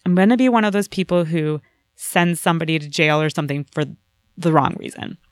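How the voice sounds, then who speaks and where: Lively low-voiced woman telling stories. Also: brisk, no echo, studio quality. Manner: animated storytelling with voiced quotes. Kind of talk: casual podcast chat.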